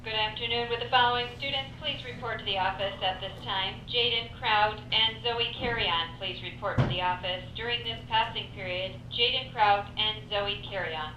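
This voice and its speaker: A woman reading a school office announcement over the intercom, calling out names slowly and evenly. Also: mid-range voice. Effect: school intercom loudspeaker. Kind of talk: public address announcement. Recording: echoey, distant, noisy intercom speaker.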